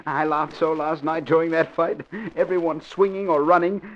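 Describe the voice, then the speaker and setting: Brief: male actor as haughty suspicious crook, exaggerated plummy British accent, highish voice, dull vintage radio drama recording. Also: fairly even intonation, normal speed, slight background noise, natural voice. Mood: amused. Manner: affected, plummy. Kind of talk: 1930s-40s radio crime drama acting.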